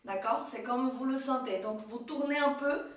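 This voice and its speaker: A woman's voice: high-pitched, moderate pace. A young woman teaching a dance step, patiently counting out the beats. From Brazil. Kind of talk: dance tutorial. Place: dance studio. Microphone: far camera mic. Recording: echoey room from far off.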